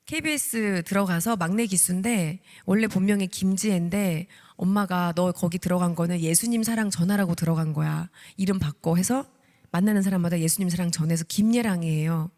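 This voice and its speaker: A woman deaconess in her thirties giving an animated testimony sermon, acting out her own prayers as she tells the story. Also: lowish voice, fairly quick. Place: church sanctuary. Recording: long hall reverb.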